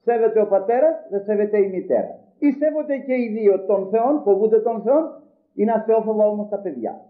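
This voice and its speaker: An older man from Greece preaching a sermon, telling a story and acting out its dialogue, then asking the congregation rhetorical questions. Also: high voice. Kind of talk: sermon with told anecdotes. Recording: tinny lo-fi old tape recording.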